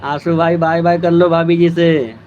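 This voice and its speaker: Speaking at a normal pace, a man with a fairly high, slightly mellow voice hosts a casual live stream in a flat manner. He thanks viewers by name and teases them, while faint traffic sounds come through the dull, lo-fi phone audio.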